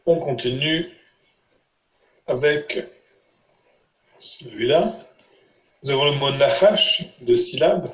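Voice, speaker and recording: A man's voice: medium pitch, slow, long pauses, fairly bright tone. A man teaching a language lesson, patiently quizzing his students. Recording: roomy, muffled lo-fi sound.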